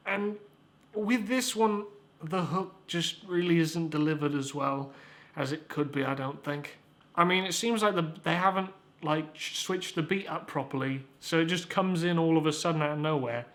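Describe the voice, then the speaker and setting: In this casual comedic video, the young male reviewer hosting it sounds a little high-pitched and fairly bright at an ordinary pace. He wanders off on sarcastic tangents, stammers into restarts, and swears casually.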